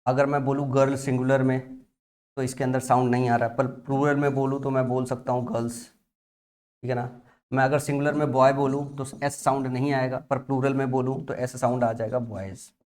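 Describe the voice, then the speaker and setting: A man's voice: mid-range voice, flat delivery, fairly quick, a little mellow. A man teaching English grammar in a classroom-style lesson, repeating key points and asking and answering his own questions.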